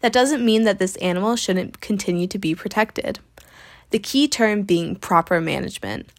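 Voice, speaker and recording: A woman's voice: medium pitch, normal speed. A woman reading scripted narration in the manner of a nature documentary.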